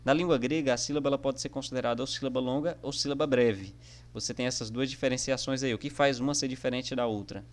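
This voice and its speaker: A man teaches an online class in a relaxed, conversational way. His voice sits at a middle pitch, and he walks through each point patiently, often pausing to check in with his listeners. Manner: friendly, repetitive, with frequent "né?" and "tá?" fillers. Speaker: online teacher of biblical Greek. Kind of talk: casual explanatory lesson.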